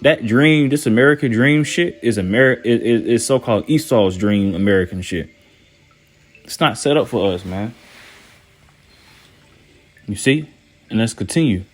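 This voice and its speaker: A man's voice: medium pitch, moderate pace, pauses often. A man preaching informally and reading scripture aloud, repeating himself, restarting phrases and ending lines with "man" in a slangy, scolding way. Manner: repetitive, stammering restarts, tags "man" onto phrases. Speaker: self-styled preacher.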